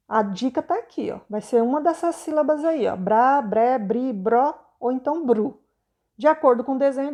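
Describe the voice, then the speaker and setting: A Brazilian woman teacher explaining a lesson to children patiently, sounding words out slowly and checking understanding often. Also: high-pitched, a little mellow. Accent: Brazilian Portuguese.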